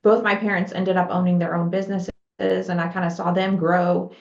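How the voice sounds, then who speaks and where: A woman's voice: lowish voice, flat delivery, a little fast, creaky. A middle-aged woman, born in Lebanon and raised in Texas, telling stories as a podcast guest in a friendly, open way. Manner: friendly and open, storytelling with fillers. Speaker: guest, business founder. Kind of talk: casual interview chat. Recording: roomy, dull lo-fi remote audio.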